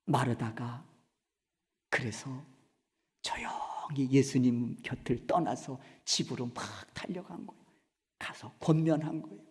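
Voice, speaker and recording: A man preaching a Sunday sermon as pastor in a church sanctuary. He swings between loud cries and hushed whispers and asks the congregation questions. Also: medium pitch, steady tone, measured pace. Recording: reverberant church hall.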